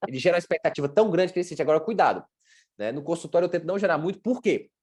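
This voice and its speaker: A woman's voice: lowish voice, expressive, racing, warm tone, husky. A woman with a Brazilian Portuguese accent teaching a workshop in a blunt, chatty way, with slang and acted-out examples. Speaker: workshop presenter, sports nutrition. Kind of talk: informal teaching talk.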